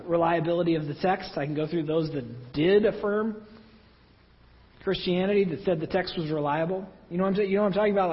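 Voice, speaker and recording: A man preaching a sermon in a church, talking in a conversational way with self-deprecating asides. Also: on the high side. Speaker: pastor. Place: church hall. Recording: dull sound with long hall reverb.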